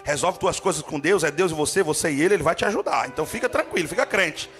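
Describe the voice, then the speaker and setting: A man preaching a storytelling sermon as guest preacher at a church service, fervent and rising to shouts. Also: a little high, expressive, quick pace, faint music behind.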